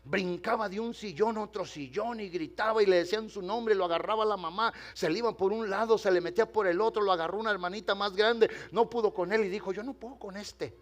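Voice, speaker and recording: A high-voiced man preaches in Spanish from a church pulpit, weaving a story with dramatic pauses. He calls on the congregation to respond and mixes in occasional English phrases.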